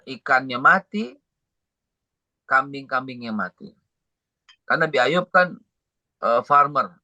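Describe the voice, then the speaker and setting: A man's voice: medium pitch, a little slow, no echo, lo-fi sound. A middle-aged man gives a casual sermon, telling stories with lots of repetition and the odd chuckle. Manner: lively storytelling with repetitions and chuckles. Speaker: preacher.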